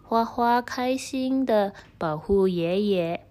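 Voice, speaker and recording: Slow-paced woman telling children's stories. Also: mid-range voice. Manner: gentle, addresses the children directly. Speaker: children's storyteller. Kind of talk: storytelling for children.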